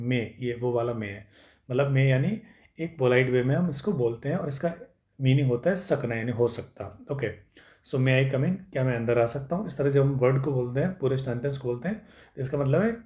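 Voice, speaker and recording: Man sounding out English words slowly. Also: mid-range voice, darkish tone. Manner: patient, drawn-out syllable by syllable sounding out; frequent checking-in tags after each point. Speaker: English teacher. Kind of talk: spoken English lesson.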